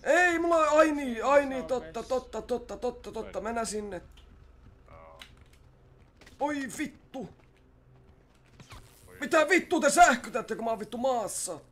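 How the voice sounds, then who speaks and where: A man playing a high-voiced, foul-mouthed crook. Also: animated, long pauses. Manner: loud, profane, frantic, threatening. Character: brash swearing young male criminal. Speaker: roleplay streamer playing a criminal. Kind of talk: GTA roleplay, in-character shouting and swearing.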